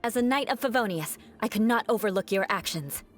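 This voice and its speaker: A woman's voice: mid-range voice, lively intonation, soft background music, close to an everyday voice. Cool, proud noblewoman knight, played by a woman. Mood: firm reproach. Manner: formal, measured, coolly disdainful. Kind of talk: video game voice acting.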